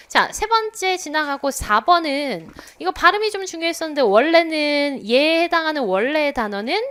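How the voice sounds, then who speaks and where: A woman teaching an English test class at an academy, drilling phrases and repeating English words slowly for students. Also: high-pitched, fairly bright tone. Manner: drills phrases with slow, exaggerated English repetition. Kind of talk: classroom lecture. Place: lecture room at a language academy.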